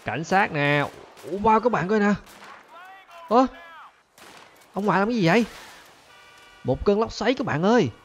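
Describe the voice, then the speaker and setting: A man hosting a gaming channel, giving excited gameplay commentary and talking straight to his viewers. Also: high-pitched, measured pace, pauses often, a little hiss or hum. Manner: animated, keeps addressing viewers as "các bạn ơi".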